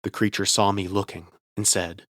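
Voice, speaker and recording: A man's voice: low voice, little pitch movement, normal speed, a bit bright, no echo, clean studio sound. A man narrating a first-person horror story in a tense, scripted way.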